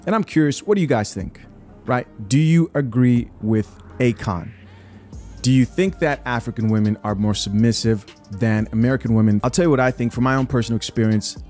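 A man's voice: mid-range voice, a little fast, a little mellow, faint music behind. Blunt Zambian-born man hosting a podcast. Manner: blunt, emphatic, addresses viewers directly. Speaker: podcast host. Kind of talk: opinionated commentary. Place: small home studio room, indoors. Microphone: close studio mic, wearing headphones.

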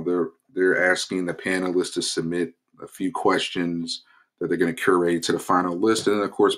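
A low-pitched man hosts his own political commentary channel and records a casual vlog promo. He talks loosely and relaxedly, rambling with many fillers and restarts.

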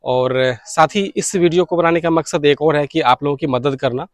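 This is a man in his thirties, a radio hobbyist who vlogs, speaking a little high at normal speed. He explains things to his viewers earnestly but casually, slipping in English words, on an open balcony or rooftop beside fields. A clip-on lapel mic gives a dry, clean studio-like sound.

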